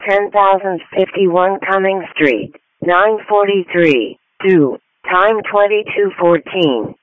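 A man reading out emergency dispatch calls in a slow, clipped, flat-cadence readout, heard over a police-style dispatch radio. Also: high voice, no echo. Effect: dispatch radio over a scanner. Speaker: automated fire dispatch announcer. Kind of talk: repeated tone-out call readout. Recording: tinny, dry radio scanner audio.

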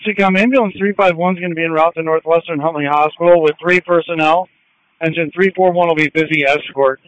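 A man's voice: fairly high pitch, fairly even intonation, fast, a bit bright, no room sound, highs cut off. A man from a fire and ambulance crew giving procedural reports over a two-way radio.

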